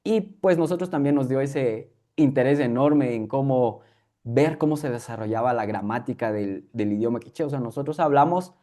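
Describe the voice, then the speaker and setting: Speaking at a moderate pace in a mellow, medium-pitched voice, a young K'iche'-speaking Guatemalan man gives a reflective interview in K'iche'-accented Spanish. He often uses fillers and restarts his sentences.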